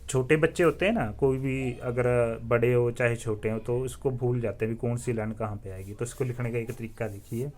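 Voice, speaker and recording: A man teaching the alphabet in a slow classroom style, sounding out letters one by one and asking listeners to repeat after him. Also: medium pitch, fairly even intonation, darkish tone. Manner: drills letters aloud and asks viewers to repeat; often says "theek hai ji" as a filler. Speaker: Hindi teacher.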